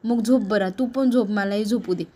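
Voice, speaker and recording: A woman's voice: mid-range voice, moderate pace, dark tone, natural voice. A woman voicing an irritable, sleepy young wife who snaps in exasperation and begs to be left to sleep. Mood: irritated. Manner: snappish, exasperated, pleading for sleep.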